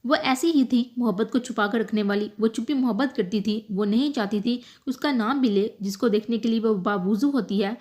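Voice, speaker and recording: Woman narrating a novel, slightly high voice. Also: a little mellow. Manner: emotive, measured storytelling. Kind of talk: scripted novel reading.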